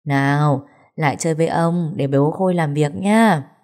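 A woman's voice: low-pitched, moderate pace, mellow, lightly acted. A woman reading as a doting old grandfather.

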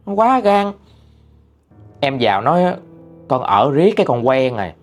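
A man's voice: medium pitch, expressive, brisk, faint music behind. A man reading a listener's ghost story aloud in a chatty, conversational way.

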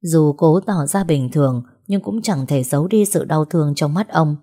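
A woman narrating a family drama story in a steady, dramatic storytelling manner. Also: sits low, moderate pace.

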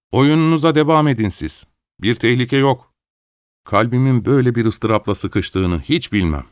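A man narrates a literary story in a low, resonant, clean voice, measured and dramatic, raising it when he quotes other people. He is recorded on a close studio mic with a dry sound and no room echo. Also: clean tone. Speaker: audiobook narrator.

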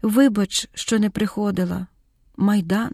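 A woman voicing a worn-out, grieving young woman in an audiobook, speaking softly and subdued, in a dry close recording. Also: mid-range voice, steady tone, a little slow, gravelly, dry recording. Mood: weary. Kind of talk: audiobook character reading.

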